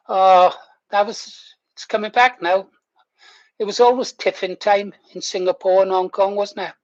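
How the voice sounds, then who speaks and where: A man over sixty, chatting casually to viewers as he hosts a livestream. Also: sits high. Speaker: livestream host. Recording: muffled, echoey room.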